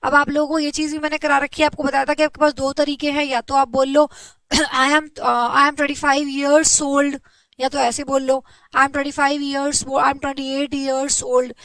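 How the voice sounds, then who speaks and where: Young female grammar teacher, high voice, patient and checking in often, slow dictation, dry close recording. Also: little pitch movement, fairly bright tone, dry recording, low-quality recording. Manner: explains patiently with repeated check-ins to students; dictates example sentences slowly. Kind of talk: online class lecture.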